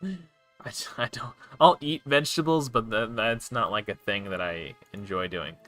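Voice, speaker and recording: A man's voice: lowish voice, moderate pace, a bit bright, faint music behind. A man streaming live and casually commenting on his gameplay, rambling with frequent restarts and self-corrections. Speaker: game streamer.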